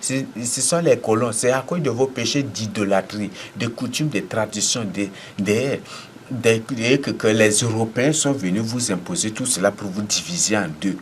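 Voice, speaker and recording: Male preacher, low register, emphatic deliverance sermon with a faint ambient hiss. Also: normal speed. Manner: commanding, repetitive declarations with sudden emphatic rises.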